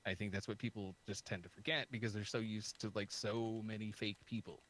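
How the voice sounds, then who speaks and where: A man's voice: on the low side, fairly quick, low-quality recording. A man talking as a guest YouTuber in a casual video-call chat, rambling with lots of "like" fillers and joking at his own expense. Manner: rambling, heavy use of "like" fillers; animated and self-mocking.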